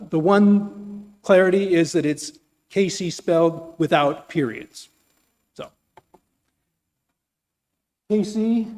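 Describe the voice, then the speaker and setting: A man introduces the guest speaker in a measured, gracious way with a light touch of humor. His voice sits a little high. It carries a long reverb from the meeting hall around him. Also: dark tone. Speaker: Sunday officiant introducing the speaker. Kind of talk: formal congregational introduction.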